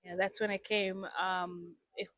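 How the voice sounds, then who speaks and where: A woman's voice: mid-range voice, level tone, unhurried, fairly bright tone, no echo. A young woman, a guest raised in South Africa with English as her first language, chatting casually in an interview with many ums and restarts.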